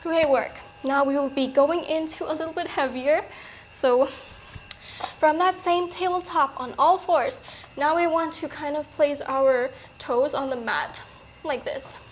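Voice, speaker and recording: A woman leads an exercise session as a peppy, encouraging coach. Her voice is high and breathy with effort, giving short cues and explanations. There is some faint noise behind her. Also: a little slow. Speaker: fitness coach. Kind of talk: workout instruction.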